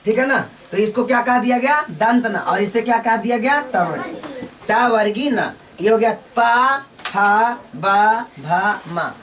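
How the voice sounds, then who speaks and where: A woman teaching a lesson. She asks each question, then answers it herself in slow, repeating drills. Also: on the high side, fairly bright tone, far from the mic. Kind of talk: classroom lesson with call-and-response drills.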